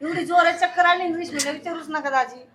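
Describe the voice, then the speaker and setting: A woman's voice: very high voice, quick pace, a bit bright. An actress playing a young woman in a comedy skit, coaxing and soothing a crying relative. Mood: chatty. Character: young woman, patient's caring friend.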